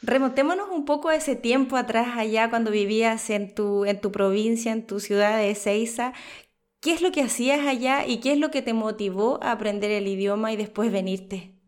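Higher-voiced woman hosting an interview. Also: steady tone, moderate pace. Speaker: host. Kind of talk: interview hosting and scripted intro.

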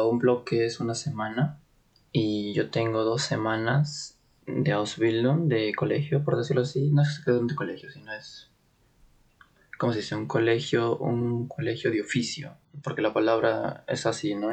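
Hesitant young man from Peru, chatting. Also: medium pitch. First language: Spanish. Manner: hesitant, searches for words, laughs often. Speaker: interview guest, trainee in Germany. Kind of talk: casual interview conversation.

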